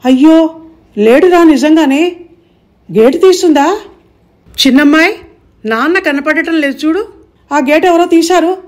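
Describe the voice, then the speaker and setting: A woman voicing a middle-aged aunt who talks in a quick, exclaiming way. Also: sits high, animated, dark tone, voice pushed up. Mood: alarmed. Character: middle-aged aunt, brisk and worried at home.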